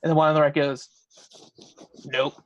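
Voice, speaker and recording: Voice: mid-range voice, a little slow, highs cut off. A game master narrating a tabletop role-playing game in a casual, conversational storytelling manner.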